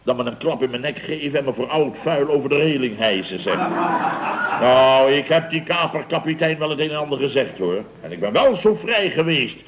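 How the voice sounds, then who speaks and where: In a 1970s Dutch radio comedy, the lead actor plays a blustering, indignant building-firm boss, telling stories in a pompous, theatrical way. His mid-range voice is brisk, with lively intonation and a lightly acted feel. The vintage broadcast recording is poor and carries crowd noise.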